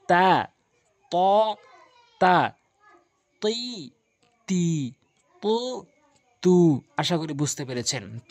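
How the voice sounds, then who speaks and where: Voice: medium pitch, dry recording. A Quran recitation teacher giving a pronunciation lesson, patiently explaining tongue and mouth positions and drilling each letter sound over and over. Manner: slow drilling, repeating letter sounds to demonstrate.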